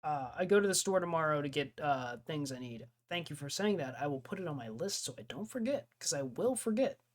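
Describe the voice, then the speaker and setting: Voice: mid-range voice, expressive, a little fast. A young streamer in casual chat with live viewers, rambling, laughing often and jumping from topic to topic.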